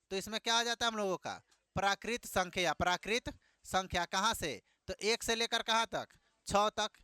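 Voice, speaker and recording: A man's voice: high-pitched, bright, forceful tone, clear, resonant tone, no room sound, clean studio sound. A man teaching a classroom math lesson, asking questions and repeating each answer back. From Bihar, India.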